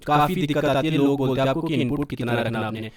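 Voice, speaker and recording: A man teaching music production software step by step in a home studio, checking in with listeners as he goes. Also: mid-range voice, fast. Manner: explains step by step, often adding a checking "okay". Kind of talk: screen-recorded software tutorial. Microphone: studio condenser mic.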